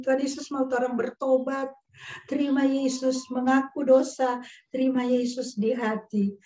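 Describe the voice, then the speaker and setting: A woman's voice: medium pitch, warm tone. A middle-aged woman giving a storytelling sermon to young children as their worship teacher. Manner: storytelling, speaks to children, acts out quoted voices. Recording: dull, echoey room sound.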